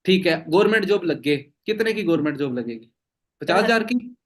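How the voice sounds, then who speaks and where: A young man leads a network marketing meeting, answering doubts in an emphatic motivational style. His voice sits notably high, and he keeps throwing rhetorical questions and quick "okay?" check-ins at his listeners. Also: lively intonation. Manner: emphatic, full of rhetorical questions and "theek hai?" tags. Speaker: network marketing team leader.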